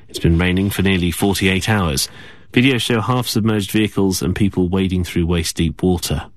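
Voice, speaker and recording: Deep-voiced male newsreader, dry studio. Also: dry recording. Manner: measured, formal delivery. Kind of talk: news bulletin reading. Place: radio studio.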